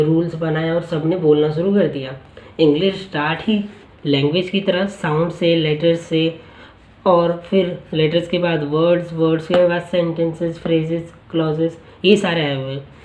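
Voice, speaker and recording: A man's voice: fairly high pitch, a little mellow. Echoey male teacher drilling pronunciation. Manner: explanatory, asks the class rhetorical questions; drills pronunciation by repeating words slowly. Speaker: English teacher. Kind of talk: spoken-English lesson explained in Hindi.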